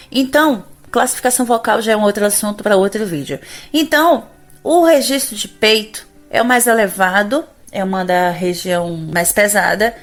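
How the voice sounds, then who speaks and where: Brazilian woman teaching singing. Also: medium pitch. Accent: Brazilian Portuguese. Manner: explains step by step, ending phrases with "né?" and singing brief vocal demonstrations. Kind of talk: explanatory vocal lesson.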